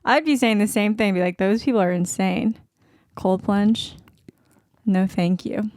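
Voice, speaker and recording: A young adult woman hosting a casual podcast, chatty and giggly with quick asides. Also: medium pitch, a little mellow, no room sound, studio quality. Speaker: podcast host. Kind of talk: casual chat.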